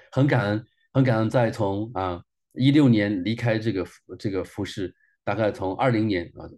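A man's voice: on the low side, dark tone. A man in his forties, a minister, sharing a personal testimony sermon in an earnest way and repeating phrases for emphasis.

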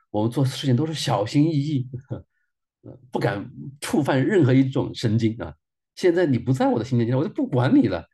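A man's voice: mid-range voice, warm tone, husky. A man in his forties, a minister, sharing a personal testimony sermon in an earnest way and repeating phrases for emphasis.

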